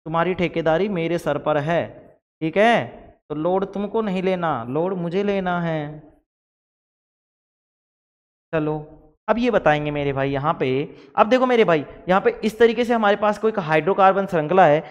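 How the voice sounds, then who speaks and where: A man's voice: high-pitched, in a large hall. A man teaching a science class. He keeps asking questions, answers them himself, and acts out imagined replies from his students. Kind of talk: classroom lecture.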